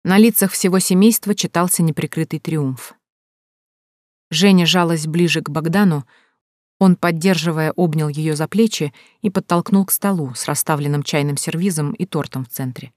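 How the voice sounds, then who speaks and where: Low-voiced woman reading a novel. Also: normal speed, darkish tone, no echo, clean studio sound. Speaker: audiobook narrator. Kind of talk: scripted novel narration.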